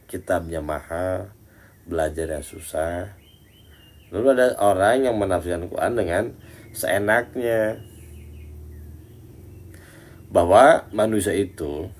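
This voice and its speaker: A man teaching a casual Islamic study talk, chatty and teasing as he speaks to his listeners as friends, swinging between loud emphatic lines and quiet muttered asides. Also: sits low, gravelly.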